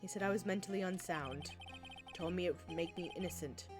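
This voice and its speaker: A woman voicing a bitter, resigned old man on a witness stand in a video game, speaking gravely and plainly over loud music. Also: lowish voice, a little fast, lightly acted.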